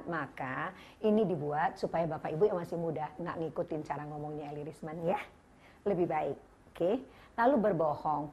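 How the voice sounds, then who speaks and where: An older woman, giving a parenting seminar to an audience and acting out how parents scold their children. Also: mid-range voice. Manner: lively, acts out parents' scolding voices and addresses the audience directly. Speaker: parenting educator.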